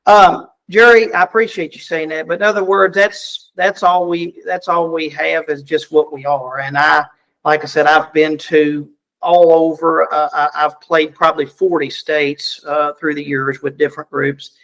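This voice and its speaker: A man's voice: a little high, little pitch movement, normal speed, a bit bright, poor audio. A middle-aged man with a Southern US accent, a country duet singer chatting in an interview with folksy, self-deprecating talk and frequent repeated word starts. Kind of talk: casual interview chat.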